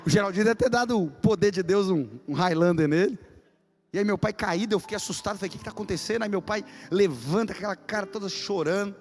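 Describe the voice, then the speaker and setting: A man pastor preaching a sermon, telling a family story with animated drama before building to impassioned preaching. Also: high-pitched, fast talker. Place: church.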